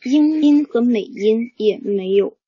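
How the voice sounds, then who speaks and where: A woman with a breathy, husky voice teaches pronunciation at a slow, patient pace, repeating each word aloud for her learners. Her tone is mellow, and the recording sounds dull, lo-fi and dry. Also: fairly high pitch, expressive, no room sound. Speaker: English teacher. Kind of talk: pronunciation lesson, repeating words.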